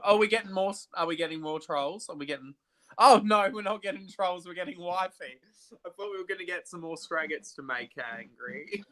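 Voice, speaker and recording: A young man hosting a casual makeup livestream, chatty and animated, quick to laugh. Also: sits high.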